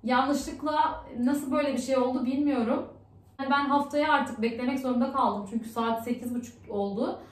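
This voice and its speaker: Woman vlogger, high voice, chatty and upset, echoey home room. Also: steady tone, normal speed. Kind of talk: casual vlog chat.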